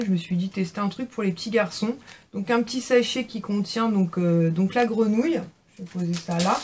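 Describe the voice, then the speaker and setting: A woman's voice: mid-range voice, a little mellow, slight background noise. Chatty young woman vlogger, hesitant. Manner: chatty, many fillers and restarts. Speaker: beauty vlogger. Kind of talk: casual haul video.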